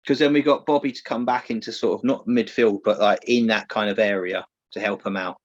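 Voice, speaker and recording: Man, casual football podcast co-host, teasing, husky, muffled lo-fi video call. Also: fairly low pitch, steady tone, a little fast, dry recording. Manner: chatty, teasing, laughs often.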